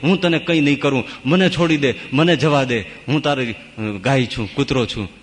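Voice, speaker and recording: A man's voice: mid-range voice, moderate pace, big-room sound, close to an everyday voice. A man voicing a cowering lion who thinks he is a sheep. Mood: pleading. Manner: pleading, cowering. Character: timid male lion raised among sheep, begging.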